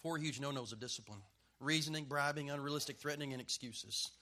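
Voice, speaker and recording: A man's voice: mid-range voice, fast talker, bright, forceful tone. A middle-aged man preaching a sermon as a pastor, emphatic and punchy, joking and drawing call-and-response from the crowd.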